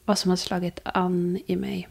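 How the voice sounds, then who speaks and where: A young adult woman speaking softly and reflectively as a podcast guest, sometimes dropping to a hush. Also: on the low side, monotone, creaky. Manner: soft, searching, drifts into hushed whispers. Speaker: guest, vocal coach and therapist. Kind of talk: reflective conversation.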